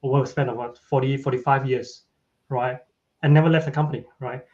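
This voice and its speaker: A man's voice: medium pitch, steady tone, a little fast, darkish tone. Man with frequent "right?" tags. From Malaysia. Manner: tags sentences with a questioning "right?". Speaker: podcast guest. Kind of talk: casual interview chat. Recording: dull lo-fi audio.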